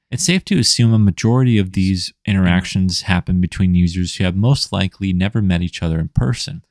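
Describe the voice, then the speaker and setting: Man, gravelly low voice, measured rhetorical essay narration, dry close recording. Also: a little mellow, dry recording. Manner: measured, rhetorical, list-like delivery. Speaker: indie comics writer and channel host. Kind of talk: scripted video essay narration.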